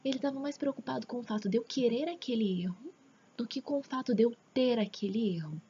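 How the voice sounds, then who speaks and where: A woman with a Brazilian accent gives a casual, earnest religious testimony at home, often dropping into a hushed near-whisper. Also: a little high, fast talker, husky. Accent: Brazilian Portuguese. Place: at home, father talking in the background. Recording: dull lo-fi home recording with faint background noise.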